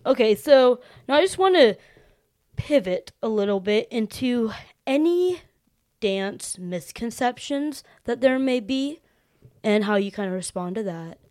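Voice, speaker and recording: A woman's voice: fairly high pitch, animated, unhurried, darkish tone. A young woman hosting a podcast, chatting casually and supportively, laughing easily. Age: young adult. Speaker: podcast host. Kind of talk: casual chat.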